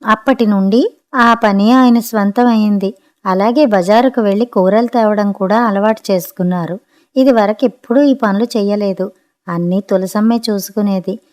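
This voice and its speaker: A woman narrating an audiobook story with a steady, expressive reading. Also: mid-range voice, moderate pace.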